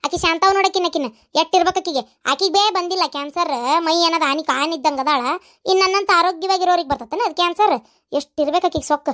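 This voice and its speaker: A performer voicing a greedy, sharp-tongued older mother-in-law in a comic cartoon, with a North Karnataka accent. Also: extremely high pitch, fast talker. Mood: scolding. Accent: North Karnataka Kannada. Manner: scolding, sharp-tongued, boastful.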